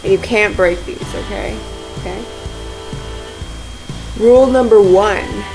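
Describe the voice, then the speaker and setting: A young woman vlogs from her living room, sounding tired and sleep deprived. She talks slowly in casual, slangy chat with deadpan jokes. It is a home webcam recording with music behind her. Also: medium pitch, gravelly, low-quality recording. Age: young adult. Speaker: video blogger. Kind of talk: casual chat to friends on camera. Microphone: webcam or laptop mic at arm's length.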